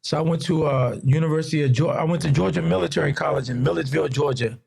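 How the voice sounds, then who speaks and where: A New York-raised podcast guest tells stories in a laid-back conversation, speaking quickly in a creaky, husky voice. When he quotes people, he acts the lines out by shifting into a higher voice.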